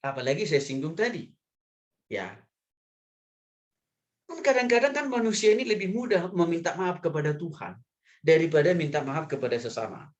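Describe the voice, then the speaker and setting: A male pastor giving a sermon in a lively, humorous way, chuckling often and addressing the men in the congregation directly. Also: on the high side, normal speed, pauses often, dull audio.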